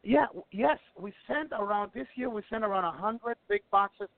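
A man's voice: sits high, moderate pace, creaky. A middle-aged man from Ecuador telling wrestling stories in a casual radio interview, rambling with many restarts. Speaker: wrestling promoter and guest. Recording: tinny phone line.

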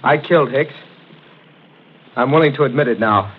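An actor playing an unrepentant, defiant convicted murderer in an old-time radio drama. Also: male voice, medium pitch, normal speed, breathy edge, natural voice. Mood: defiant, agitated. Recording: muffled vintage radio recording.

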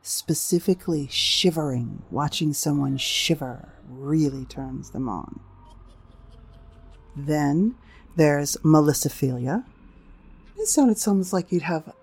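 A woman's voice: deep voice, a little mellow, husky. A woman hosting a humorous solo talk show, speaking in a wry, teasing way with theatrical asides to listeners. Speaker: host of a sex-topic show.

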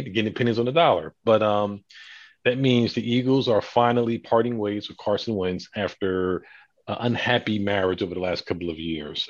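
A man's voice: fairly low pitch, no room sound, muffled recording. A man hosting a casual sports podcast, laying out the news before asking his two co-hosts for their take. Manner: relaxed, reads news items before asking guests. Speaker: podcast host.

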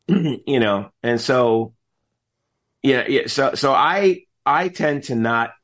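A middle-aged man with a medium-pitched voice speaks at a slow pace as a casual interview guest. An announcer and teacher, he rambles through animated explanations, frequently interrupting himself partway through a thought.

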